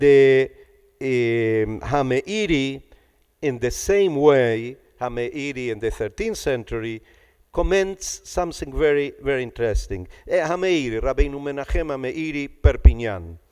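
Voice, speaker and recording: A man giving an academic conference lecture, partly reading from a text, pausing often with "eh" and "uh" and repeating words as he searches for them. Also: on the high side, a little mellow, clear, resonant tone, big-room sound. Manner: halting, with frequent "eh" and "uh" fillers and repeated words.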